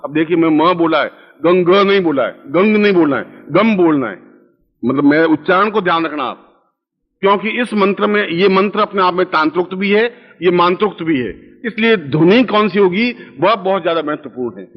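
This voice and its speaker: A man with a fairly high voice gives a spiritual discourse as a guru. He dictates a mantra slowly, syllable by syllable, and chants the syllables aloud. The recording is dull and lo-fi, with a long reverb trailing off in a large hall. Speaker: guru leading a mantra practice.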